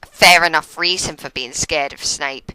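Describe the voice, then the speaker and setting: Lady doing a lets play, low bright clear voice, trips over her words a lot. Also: normal speed, no echo, low-quality recording. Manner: stumbles over words, self-deprecating. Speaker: let's play commentator. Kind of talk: casual gameplay commentary.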